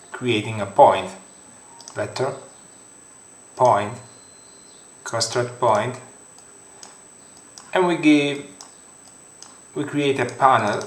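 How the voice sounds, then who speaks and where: Italian-accented man, software tutorial narrator, unhurried halting delivery, roomy echo. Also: medium pitch. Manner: halting non-native English with many fillers. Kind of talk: screen-recorded software tutorial. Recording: roomy echoey home room.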